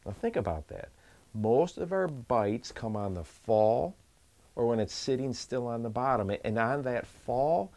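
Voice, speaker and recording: A man's voice: medium pitch, lively intonation, unhurried, creaky, a little mellow. A man in his forties hosting a fishing channel, giving earnest, emphatic tips to camera from a small indoor studio and repeating words for stress. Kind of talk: instructional to-camera talk.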